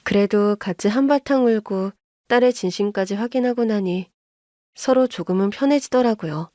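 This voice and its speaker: A woman narrating a scripted first-person story in a slow, confessional way. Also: medium pitch, dark tone, dry recording, studio quality.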